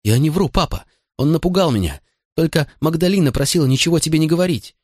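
A man's voice: fairly high pitch, animated, fast, darkish tone, no echo, studio quality, pitched above the performer's own voice. A man reading an audiobook voices a frightened young boy who pleads through tears with his stern father. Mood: pleading, tearful. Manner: sobbing, pleading. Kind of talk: audiobook character voice.

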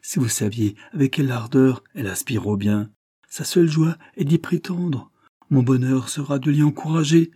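A man's voice: medium pitch, moderate pace, mellow, breathy edge, no echo, studio quality, voice pushed up, close to an everyday voice. A man reading the pleading, impassioned lines of a desperate young lover. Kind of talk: audiobook character reading.

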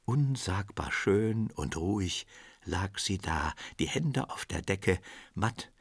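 Man, narrator, radio drama, low voice, dry studio, measured expressive delivery. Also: breathy edge, no echo. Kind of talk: scripted literary narration.

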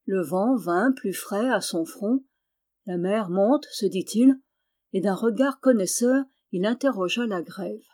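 A woman narrating a historical novel audiobook in a steady, measured way. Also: medium pitch. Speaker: audiobook reader.

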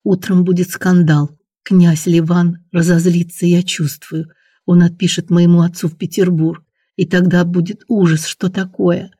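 A man's voice: high voice, flat delivery, a little slow, breathy edge, no room sound, studio quality, heavily acted. A man voicing a pleading young noblewoman. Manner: soft, pleading.

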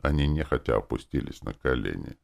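Male narrator, very low voice, gravelly texture, lively intonation, crude sardonic storytelling. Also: fairly quick. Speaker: audiobook narrator. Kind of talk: first-person fantasy audiobook narration.

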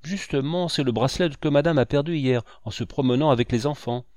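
A man voicing a brisk, kindly woman servant in a storybook reading. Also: medium pitch, a little mellow, no room sound, studio quality, pitched above the performer's own voice, lightly acted. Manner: brisk, coaxing.

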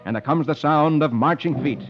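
A jolly man reading a children's story on old-time radio in a lively, singsong way. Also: on the high side, a little fast. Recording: dull old radio transcription with music.

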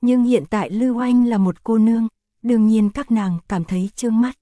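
A woman narrating an audiobook in a steady, even storytelling manner. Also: fairly high pitch, normal speed, no room sound, studio quality. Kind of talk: scripted narration.

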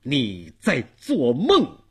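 A furious warlord king, as a male storyteller acts him out, barking orders with a rough, husky edge. His voice leaps high and swings wildly as he thunders at his men, slow and weighty between the shouts. He sounds stern and commanding in a spoken storybook. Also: sing-song, heavily acted. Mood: thundering.

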